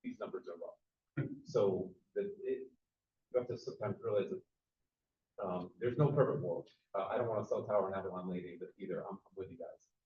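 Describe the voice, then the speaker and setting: Hoarse, fast-talking man in a hall. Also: low voice, slight background noise. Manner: rambling, with repeated words. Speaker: resident speaking at a public hearing. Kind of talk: public comment. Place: echoey town meeting hall. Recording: distant, echoey, dull hall recording.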